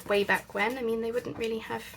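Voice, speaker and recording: Casting note: woman, crafting host, relaxed rambling chat with a gravelly edge and faint background noise. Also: a little high, fairly quick. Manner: chatty, thinks aloud with many fillers.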